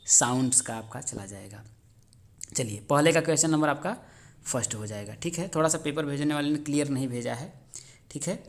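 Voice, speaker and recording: A man's voice: mid-range voice, fairly quick. A male teacher, walking viewers through exam answers and calling them friends. He keeps asking each answer back as a rhetorical question. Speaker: exam-prep teacher on a video channel. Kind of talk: explaining exam answers step by step.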